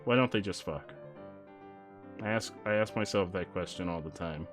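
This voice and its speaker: A man's voice: sits low, moderate pace, music in the background. A man streamer reading fan fiction aloud on a live stream, with playful, jokey asides.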